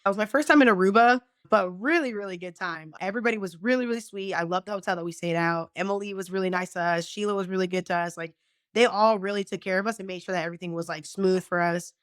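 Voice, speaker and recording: A woman chatting as a podcast guest, telling lively stories, swearing freely and acting out what people said. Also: mid-range voice, fast, clean tone, no echo, studio quality. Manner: animated storyteller, swears freely, acts out quotes. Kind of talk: casual chat.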